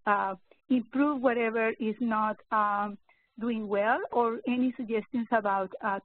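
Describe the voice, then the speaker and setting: A woman in her fifties, a neurologist giving an educational webinar talk, speaking slowly and hesitantly with many fillers and restarts. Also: medium pitch, no echo. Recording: narrow phone-like webinar audio, dry.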